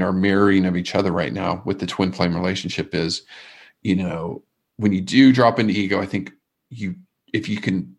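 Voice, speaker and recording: Male co-host, lowish voice, earnest confessional chat, open and a bit rambling. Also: gravelly, breathy edge. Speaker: podcast co-host. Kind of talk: casual reflective chat. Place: remote call from abroad.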